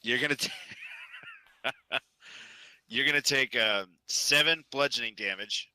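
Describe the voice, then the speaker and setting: A man's voice: mid-range voice, unhurried, bright, forceful tone, clear, resonant tone, no room sound. A man running a tabletop game as dungeon master, giving dry rulings and often laughing.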